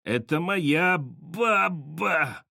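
A man voicing a hoarse, hot-headed brawler who growls threats. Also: fairly high pitch, animated, drawn-out words, pushed and bright, no room sound, studio quality, voice pushed up, full character voice. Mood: threatening.

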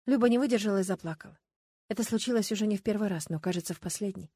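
A woman's voice: medium pitch, racing, dark tone, slightly rough, dry recording, clean studio sound. Woman reading an audiobook. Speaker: audiobook reader. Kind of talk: scripted narration.

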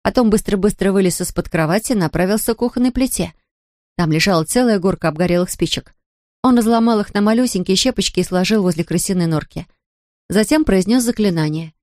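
A woman narrating a children's story in a gentle, steady storytelling manner. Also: mid-range voice, fast, dry recording, clean studio sound.

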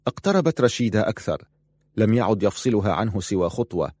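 Male narrator, audiobook reading, measured, low pitch, dry. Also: expressive, darkish tone, dry recording.

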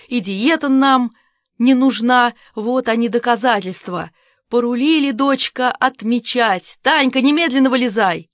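A loud, boisterous middle-aged father in an audiobook, as a woman reads him, with a slightly high voice. He sounds jubilant and bossy. The sound is dry and close. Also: dry recording, lightly acted. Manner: boisterous, shouting.

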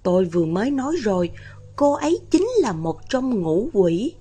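A woman voicing a calm, knowing young male exorcist in a storybook reading, explaining patiently. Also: medium pitch, normal speed, husky.

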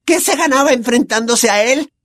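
A man's voice: extremely high pitch, moderate pace, fairly bright tone, dry recording, clean studio sound, pitched above the performer's own voice. A man voicing a cowering, terrified middle-aged man who whimpers and begs breathlessly. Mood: pleading. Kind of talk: audiobook character voice.

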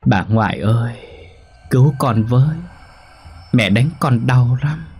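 A small ghost child's voice, pitched high above a man's usual register and full of plaintive, tearful begging, as a male storyteller puts it on. The voice is slightly husky underneath. It belongs to a spoken ghost story. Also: slow, darkish tone. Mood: pleading, mournful. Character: ghost of a small unnamed child, beaten and abandoned, pleading.

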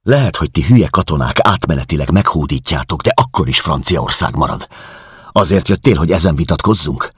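A man's voice: extremely low pitch, expressive, husky, no room sound, studio quality, voice pushed up, full character voice. A man voicing a fierce, defiant young woman speaking with cold scorn. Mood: defiant scornful.

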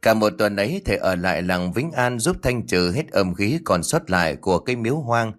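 A man narrating a ghost story in a steady, measured scripted style. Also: fairly low pitch. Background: faint music.

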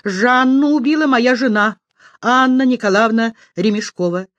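A woman's voice: on the high side, moderate pace, fairly bright tone, no room sound, muffled recording, voice pushed up, natural voice. A woman doing a cold, hissing middle-aged man. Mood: insistent. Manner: curt, hissing, dismissive. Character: middle-aged male artist, cold and spiteful.

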